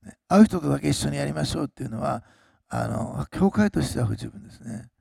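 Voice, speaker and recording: A pastor preaching a sermon, swinging between loud, slowed emphasis and quiet, low asides to the congregation. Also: male voice, lively intonation, gravelly, breathy edge, no echo, studio quality.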